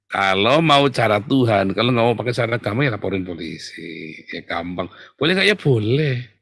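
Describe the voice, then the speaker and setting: A man preaching a sermon in a colloquial, teasing way, swinging from loud outbursts to near-whispers. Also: fairly low pitch, animated, normal speed, vocal fry, slightly rough. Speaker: pastor.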